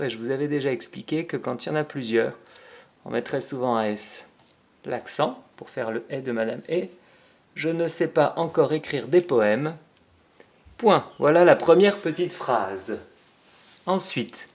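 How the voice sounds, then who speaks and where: A man guides young children through writing a short message letter by letter. He talks slowly and patiently, in a mid-range voice, describing each stroke as he draws it. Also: medium pitch, darkish tone. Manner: slow, patient, spells out letters and strokes step by step. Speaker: teacher. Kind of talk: handwriting lesson for young children.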